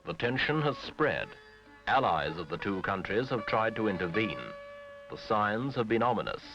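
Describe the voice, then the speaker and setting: Old newsreel narrator, male, deep and expressive, grave measured read over music. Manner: grave, measured delivery in short phrases. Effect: old newsreel soundtrack. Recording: dull lo-fi 1970s film sound with music.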